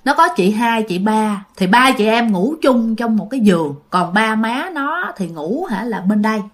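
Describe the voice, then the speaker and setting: A woman narrates a ghost story in a chatty style, often speaking straight to her listeners. Her voice sits high and swings widely in pitch. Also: animated, moderate pace. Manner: chatty, addresses listeners directly.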